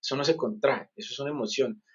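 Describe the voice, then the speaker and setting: A man's voice: mid-range voice, fast, husky, lo-fi sound. Earnest man explaining. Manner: repeats "¿sí me entiendes?" often; earnest, explanatory, self-correcting. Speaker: psychologist guest. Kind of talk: conversational interview.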